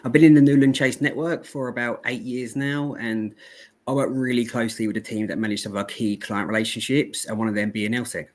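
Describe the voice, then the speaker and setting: Brief: male panelist, mid pitch, soft and measured. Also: fairly even intonation. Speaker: client relationship director, guest. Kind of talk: panel introduction.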